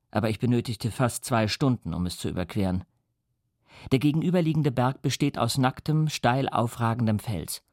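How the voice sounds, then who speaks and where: A man reading a classic novel aloud as calm, measured first-person audiobook narration. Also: medium pitch, dry recording, clean studio sound. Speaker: audiobook reader.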